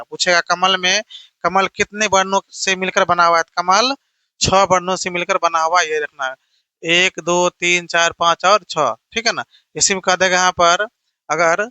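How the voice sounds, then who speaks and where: A man's voice: high voice, bright, forceful tone, clear, resonant tone, no echo. A man teaching a grammar lesson for exam prep. He repeats key points, keeps checking whether students follow, and asks and then answers his own questions. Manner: repetitive, keeps checking "theek hai na".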